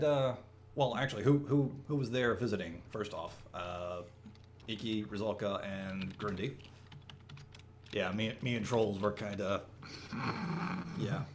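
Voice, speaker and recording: A man's voice: on the low side, background noise. A man hosting a casual podcast roundtable over a call, wry and keeping the show moving. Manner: lively, wry, moves the show along. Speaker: podcast host. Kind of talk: casual chat.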